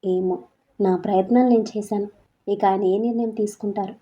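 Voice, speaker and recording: A woman voicing a young wife who is hurt but stands firm, speaking softly and with resolve. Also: medium pitch, fairly even intonation, a little fast, natural voice. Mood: sad. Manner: soft, tearful, turning resolute. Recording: slightly dull lo-fi audio.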